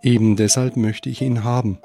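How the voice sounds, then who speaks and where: A man voicing a gentle, forgiving holy child in a manger, speaking softly and patiently. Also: mid-range voice, fairly even intonation, moderate pace, creaky, faint music behind, natural voice.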